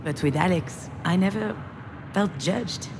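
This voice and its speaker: An actress with a lowish voice, speaking at a measured pace over background noise, lightly acts a grieving woman writer in a narrative video game. Vulnerable and wry, the character confides reflectively in a naturalistic, tender style.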